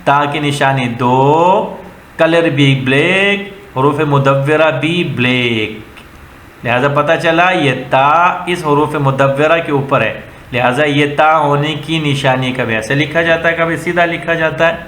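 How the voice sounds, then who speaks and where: A man with a Pakistani accent teaching letter-by-letter Quran reading, slow and patient, repeating each sound as a drill. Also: fairly high pitch, a bit bright. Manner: patient, repetitive, drills letters one at a time. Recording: echoey room with faint ambient noise.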